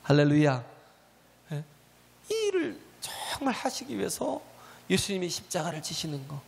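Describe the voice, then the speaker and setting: A man preaching a sermon with a high-pitched voice that carries a long church-hall reverb. He keeps turning to the congregation with rhetorical questions and quick prompts for a response. Now and then he calls out a hallelujah. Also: huge pitch swings, gravelly. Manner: punctuates with shouted hallelujahs. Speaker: pastor. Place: church sanctuary.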